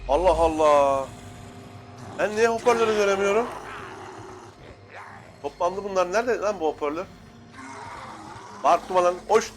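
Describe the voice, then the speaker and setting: A young man casually commenting while playing, excitable and cursing at the game, shouting now and then. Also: high voice, a little slow, pauses often, a little hiss or hum. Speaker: gaming YouTuber. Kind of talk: Let's Play commentary.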